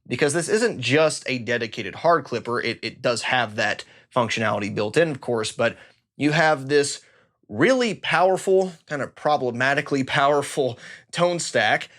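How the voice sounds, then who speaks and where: A man's voice: medium pitch, fairly bright tone. A man hosting a casual technical talk about guitar effects circuits, chatty and enthusiastic with self-deprecating asides. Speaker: guitar pedal reviewer.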